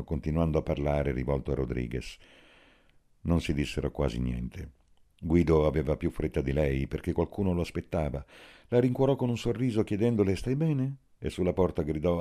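A man narrating a literary audiobook in a slow, measured way. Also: rumbling low, dark tone.

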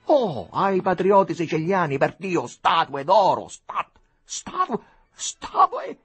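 A man reading a story aloud, voicing an excitable middle-aged man with a cold who bursts into shrill exclamations. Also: measured pace, husky, soft background music, exaggerated voice. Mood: excited.

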